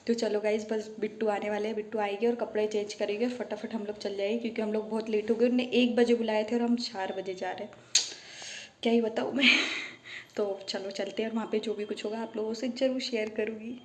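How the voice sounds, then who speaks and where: A woman's voice: medium pitch, fairly even intonation, fairly quick. A young woman vlogging casually from her phone, chatting on and on to her viewers and calling them guys. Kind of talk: casual vlog chat to viewers.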